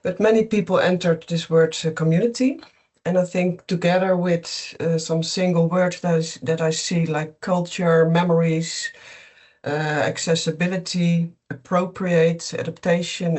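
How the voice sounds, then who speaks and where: A middle-aged man, a university researcher, presenting on a video call in a measured, hesitant way with many fillers. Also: on the high side, a little mellow. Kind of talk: webinar presentation.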